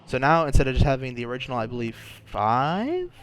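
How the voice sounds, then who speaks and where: This gaming channel host is a young man with a sore throat and a clean-toned, mid-range voice. Very animated and quick, he chats casually through his gameplay, thinking aloud and often restarting sentences.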